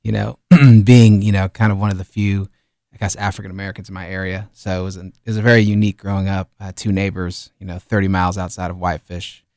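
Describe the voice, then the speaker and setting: In a casual radio studio interview, a Liberian-born musician in his thirties relaxedly tells his life story, full of fillers. His voice is low, his pace quick, and there's no echo.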